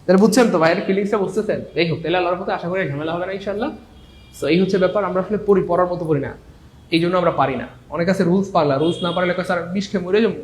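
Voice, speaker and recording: A man's voice: sits high, very fast, echoey room, slight background noise, rough recording. A man teaching English grammar in a playful, teasing live lesson, often repeating his words.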